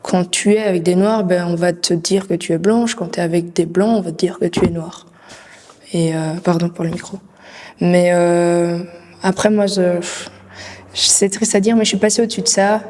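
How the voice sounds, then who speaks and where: A young woman speaking in a steady, matter-of-fact way in an interview. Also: on the low side, moderate pace, long reverb tail.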